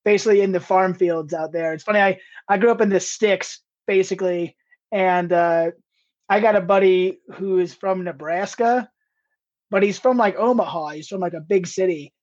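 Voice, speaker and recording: A stand-up comedian from Ohio in the US Midwest guests on a podcast, chatting casually and rambling as he laughs easily. His voice is high with a darkish tone, delivered at normal speed. The recording sounds dull and lo-fi.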